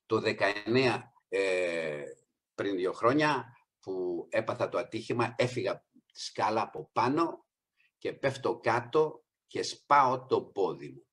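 Speaking fairly low and expressively, a middle-aged man preaches a sermon to his "brothers and sisters." He drops into soft asides and rises to raised, emphatic peaks.

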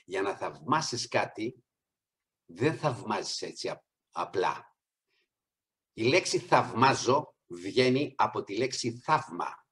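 Greek preacher with a lively, swinging voice. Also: male voice, fairly low pitch, long pauses. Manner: preaching with wide swings from soft asides to raised, emphatic peaks; addresses listeners as brothers and sisters. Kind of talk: sermon.

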